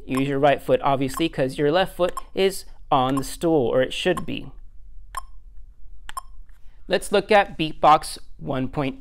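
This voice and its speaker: A man as a music teacher, giving a recorded lesson step by step, counting beats aloud in a patient, self-deprecating way. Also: on the high side.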